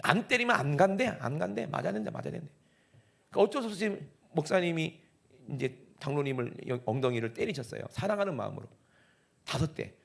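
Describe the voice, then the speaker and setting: A man with a Gyeongsang accent preaching a lively Sunday sermon in a church, often putting questions to the congregation. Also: fairly high pitch, brisk, gravelly. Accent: Gyeongsang (Busan). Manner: animated, talks directly to the congregation with frequent questions. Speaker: pastor. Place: church sanctuary.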